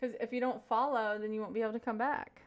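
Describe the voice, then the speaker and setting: A young woman from Kentucky with a light Southern accent chats casually on a live stream, reading viewer comments and thanking her viewers again and again. Her voice is on the high side, quick, and fairly even in intonation.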